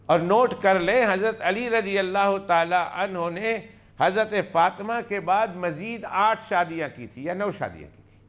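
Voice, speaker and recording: A man with a high voice, a religious scholar delivering a weekly lesson. He narrates with emphasis, returns again and again to key phrases, and voices the lines of the people in his story. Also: fairly bright tone. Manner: acts out quoted dialogue.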